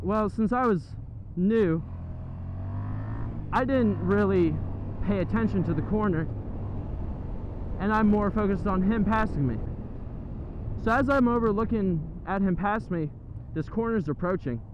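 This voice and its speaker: A man's voice: high-pitched, unhurried, long pauses. A young American man talking from inside a helmet while riding, telling a story in a rambling, casual, foul-mouthed way as a motorcycle vlogger. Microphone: helmet-mounted microphone. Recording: muffled helmet mic, loud engine and road noise.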